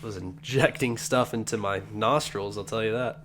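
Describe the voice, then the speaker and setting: A man with a fairly low voice co-hosts a podcast, with faint noise behind him. He banters casually and comically. His talk is boastful and full of swearing. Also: moderate pace, fairly bright tone. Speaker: podcast co-host.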